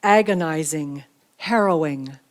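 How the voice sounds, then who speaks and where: A woman acting as spelling bee pronouncer, reading out words and definitions in a measured, clearly enunciated way. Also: low voice.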